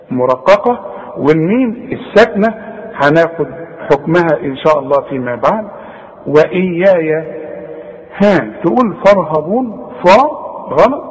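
A man with an Egyptian Arabic accent teaching Quran recitation. He corrects a student patiently, demonstrates words slowly, then explains fast. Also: high voice, darkish tone, in a large hall, low-quality recording. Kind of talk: tajweed lesson correcting a student.

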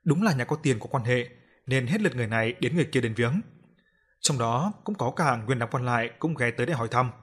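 A man narrating a scripted ghost story in a steady, grave voice. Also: medium pitch, fast talker, slightly rough. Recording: faint background music.

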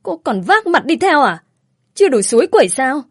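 Woman putting on a harsh older grandmother, high and loud, sharp and scolding, raised strained pitch, dry close sound. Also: a little slow, husky, dry recording. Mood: furious. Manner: shrill and scolding, tender with the grandchild.

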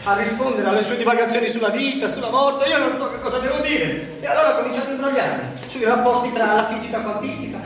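A bitter, fawning office worker who spirals into sarcastic rants and bitter laughs, his voice pitched very high. The stage sound is cavernous and heard from a distance, with music underneath. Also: fairly bright tone. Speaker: stage actor. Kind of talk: theatre play broadcast on radio.

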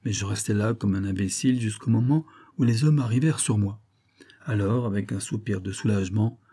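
A man narrating a novel in the first person, steady and measured. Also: on the low side, husky. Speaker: audiobook narrator.

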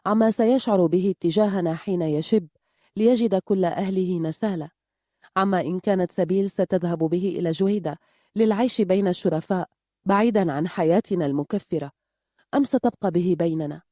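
A woman with a low, mellow voice reads an audiobook in a calm, measured way. The sound is close and dry, with no room around it. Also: no echo. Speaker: audiobook narrator. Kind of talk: audiobook narration.

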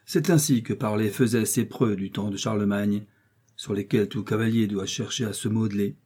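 Guy doing a proud noble musketeer, kinda husky, dark tone, a bit higher than his narration. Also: fairly even intonation, moderate pace. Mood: courtly. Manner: formal, gracious speech.

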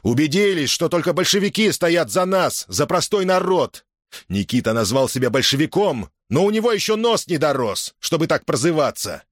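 A man reading an audiobook, voicing a fiery young frontline soldier who addresses a crowd with loud, forceful oratory. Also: fairly high pitch, sing-song, normal speed, dry recording, studio quality, voice pushed up. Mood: defiant.

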